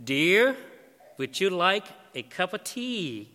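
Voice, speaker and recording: A loud older husband keeps calling out the same question to his wife, as a preacher acts him out. The voice is raised and bright and rings with a long hall reverb. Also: high voice, sing-song, takes it slowly, voice pushed up, exaggerated voice. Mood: insistent.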